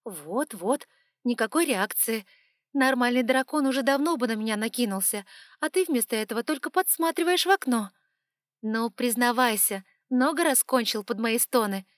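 A woman voicing a fiery young heroine in an audiobook, high, loud and emotional, with shrill outbursts. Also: moderate pace, no room sound, clean studio sound, natural voice. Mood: taunting. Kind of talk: audiobook character voice.

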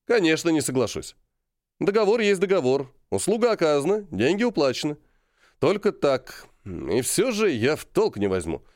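A man's voice: a little high, sing-song, normal speed, a little mellow, dry recording, studio quality, pitched above the performer's own voice. A man voicing a jovial, scheming middle-aged colonel who banters and stretches words for emphasis. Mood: bantering.

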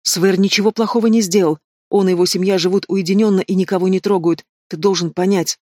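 A man's voice: high-pitched, fairly even intonation, fast, a little mellow, dry recording, studio quality. A man reading an audiobook voices a passionate, defiant young noblewoman, lifting his voice into emotional outbursts. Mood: pleading.

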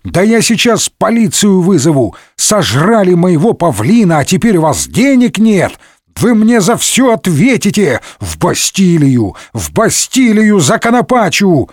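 A man voicing a loud, panicky male innkeeper who shouts and wails. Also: high-pitched, sing-song, measured pace, no room sound, clean studio sound, voice pushed up, heavily acted. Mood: outraged. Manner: shouting, wailing.

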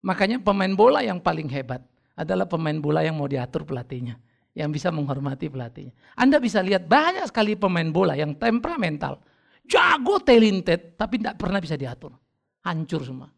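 A man's voice: on the high side, a little fast, creaky. A middle-aged man preaching a sermon, telling stories with humor and acting out family conversations. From North Sumatra, Indonesia. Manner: lively storytelling, acting out family dialogues with humor. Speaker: pastor.

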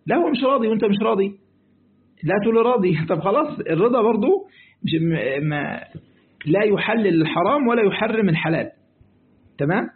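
A man's voice: sits high, brisk, pauses often. A man with an Egyptian accent teaching a lesson on a classical exegesis text in colloquial style, acting out little dialogues between his explanations. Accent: Egyptian Arabic. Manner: lively, acts out dialogues, switches between reading text and colloquial asides. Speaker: sheikh teaching Quranic exegesis. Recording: tinny phone-like audio.

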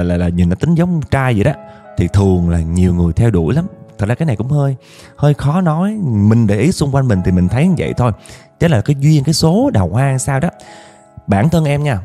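A man with a Southern Vietnamese accent narrates a listener's life story in the first person, chatty and confiding, often turning to speak to his audience. His voice is low and mellow, with faint music playing behind him.

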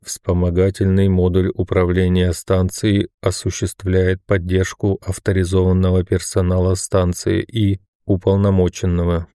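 A man voicing an emotionless station computer that speaks in a mechanical, metallic, lifeless monotone. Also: low voice, normal speed, few pauses, clean tone, dry recording, clean studio sound, pitched below the performer's own voice. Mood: impassive. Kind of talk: audiobook narration.

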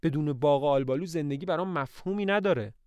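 A man's voice: a little high, darkish tone, smooth, no echo, lightly acted. A man reading aloud voices an anxious aristocratic older woman who owns the estate, speaking in a plaintive, sighing way. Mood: pleading.

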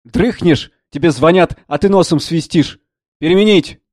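A man voicing a gruff, sardonic older doctor who holds a general's rank, mocking and blustering, in an audiobook reading of a play. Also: a little high, normal speed, no echo, studio quality, lightly acted. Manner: blustering, mocking, shouts out bursts.

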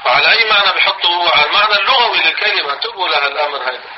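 Higher-voiced Levantine man teaching slowly. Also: animated. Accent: Levantine Arabic. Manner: explains slowly, repeats phrases, dictates for notes. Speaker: religious teacher. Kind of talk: classroom religious lesson. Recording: dull lo-fi recording, faint hiss.

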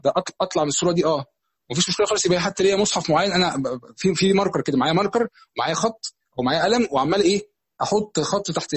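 Husky Egyptian male preacher, rapid conversational teaching, dry close sound, slightly high voice. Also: dry recording. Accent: Egyptian Arabic. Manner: fast, conversational teaching with many restarts and repetitions. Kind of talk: religious lesson.

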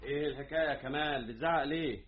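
An actor with an Egyptian Arabic accent playing an elder brother who runs a workshop in a radio drama, giving orders brusquely. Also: male voice, fairly high pitch, racing, close to an everyday voice. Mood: stern. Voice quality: commanding, brusque. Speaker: workshop owner. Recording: dull lo-fi radio recording with faint noise.

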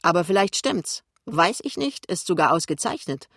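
A man's voice: sits high, big pitch swings, normal speed, fairly bright tone, breathy edge, no echo, studio quality, heavily acted. A man voicing a spiteful male shop clerk who mocks and provokes a colleague. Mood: needling. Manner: mocking, provoking.

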